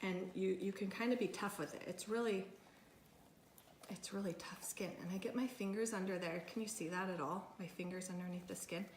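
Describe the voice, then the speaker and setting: A woman's voice: medium pitch, steady tone, a little fast, slight background noise. Friendly home-cook woman, a food blogger talking through a recipe, echoey kitchen room. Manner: chatty, talks while working with her hands. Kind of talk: casual cooking tutorial.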